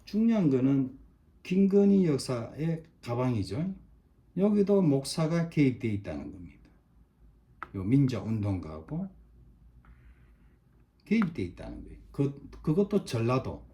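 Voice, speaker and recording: A man's voice: medium pitch, very animated, a little slow, pauses often, dark tone. A middle-aged man explaining a chart in a monologue, pointing item by item and repeating himself emphatically. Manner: repetitive, pointing with short demonstratives, emphatic. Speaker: online commentator.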